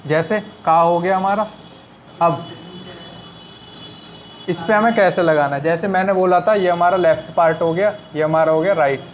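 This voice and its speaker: Male shorthand tutor, patient and repetitive, fairly high voice, lo-fi classroom recording. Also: moderate pace, pauses often. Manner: patient, repeats rules step by step. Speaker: shorthand teacher. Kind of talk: classroom lesson explaining at a board. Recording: slightly dull lo-fi recording with faint noise.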